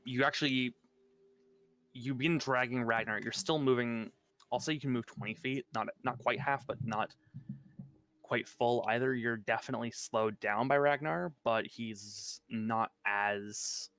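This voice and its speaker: A man's voice: medium pitch, fairly bright tone. A man narrating as game master, thinking aloud and correcting himself as he goes.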